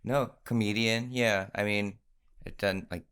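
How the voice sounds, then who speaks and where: A man from the Pacific Northwest with a gravelly voice, chatting casually as a comedian guest on a podcast, self-deprecating and swearing now and then. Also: fairly low pitch, steady tone, a little slow, fairly bright tone. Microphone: podcast mic.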